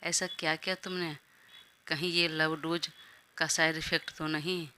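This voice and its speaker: A woman's voice: low voice, little pitch movement, measured pace, pushed and bright. A woman voicing a playful young man who ribs his married best friend, in an audio story. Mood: teasing. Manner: playful, ribbing.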